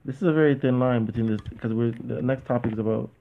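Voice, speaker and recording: A man's voice: mid-range voice, fairly even intonation, fast talker. A man co-hosting a casual talk show, rambling and argumentative, with lots of "you know what I mean" asides. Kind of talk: casual conversation. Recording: tinny phone-like audio.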